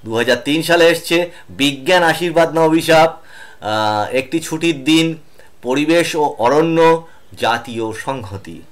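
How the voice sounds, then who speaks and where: Man teaching an online exam-prep lesson. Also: a little high. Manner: reads topic lists, pauses with fillers, explains asides.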